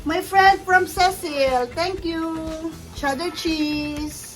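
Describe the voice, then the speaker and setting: This middle-aged woman, a vlogger with a Filipino accent, talks very slowly in a very high-pitched, steady, slightly bright voice over soft background music. Unboxing gifts in a casual chat, she gushes, moves between English and Tagalog, and thanks the gift-givers.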